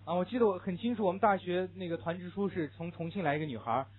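A slightly higher-pitched man with a husky voice lectures a classroom on pronunciation, leading students through phrases to repeat after him. The recording is thin and phone-like, muffled and lo-fi. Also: fast. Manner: explains patiently, drills phrases for students to repeat. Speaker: English teacher.

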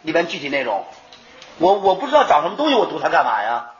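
A man lectures a classroom in a high, swooping voice that keeps rising and falling. He throws questions at his students and answers them himself. The sound is muffled and lo-fi, with room echo around him. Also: quick pace. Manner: animated, asks rhetorical questions and answers them. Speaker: English exam teacher. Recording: echoey lo-fi room recording.

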